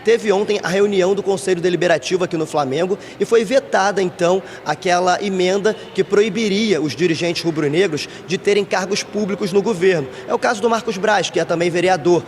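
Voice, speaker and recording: Rio-accented male field reporter, steady and informative, high voice, echoey outdoor feed with faint noise. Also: brisk, few pauses. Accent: Brazilian Portuguese, Rio de Janeiro. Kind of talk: live news report. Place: outdoors near training ground.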